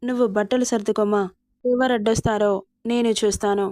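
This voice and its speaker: A woman's voice: a little high, fairly even intonation, brisk, darkish tone, no room sound, studio quality, natural voice. A woman reading as Raghava, a protective father. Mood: defiant. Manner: tender, then firm. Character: caring, protective middle-aged father.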